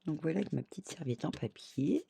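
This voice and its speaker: A woman's voice: low voice, expressive, brisk, vocal fry, mellow, breathy edge. A woman craft vlogger chatting casually to her viewers, thinking aloud and dotting her talk with little "hop" and "voilà".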